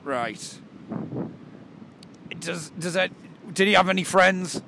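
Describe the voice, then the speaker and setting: In an improvised comedy film, a man in his twenties plays a flustered police detective investigating murders, awkwardly asking halting, repetitive questions in an exaggerated, high, gravelly, bright and forceful voice. It's shot outdoors by a rocky seafront, with noisy camera audio.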